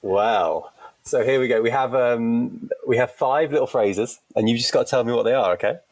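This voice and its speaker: A man hosting a podcast in casual chat, playful and quick to laugh as he quizzes his guest. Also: mid-range voice, no echo. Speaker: podcast host.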